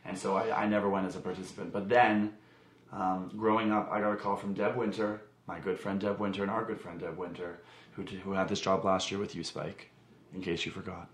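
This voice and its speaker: Low-voiced man, animated and roomy. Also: brisk. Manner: animated storyteller, emphatic. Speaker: camp song leader. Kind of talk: casual interview talk.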